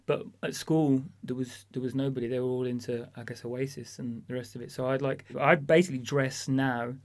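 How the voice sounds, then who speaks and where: A man, an author and performance poet, talking in a relaxed, hesitant way with casual slang. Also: mid-range voice, brisk. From England. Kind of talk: casual conversation.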